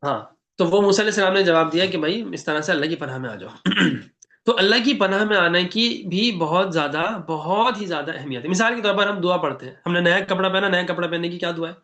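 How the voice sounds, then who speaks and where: A man with a Pakistani Urdu accent teaching an online Quran class in a conversational way, often checking with students and reciting prayers slowly. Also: sits high, fairly bright tone. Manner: conversational, asks the class questions. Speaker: religious teacher.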